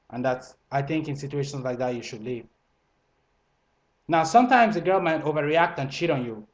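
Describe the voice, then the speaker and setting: A man's voice: mid-range voice, poor audio. Man with a mixed Italian-French accent. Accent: multilingual, Italian and French mixed into English. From Italy. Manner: conversational, frequent fillers and restarts. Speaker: vlogger. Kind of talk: casual advice monologue to camera.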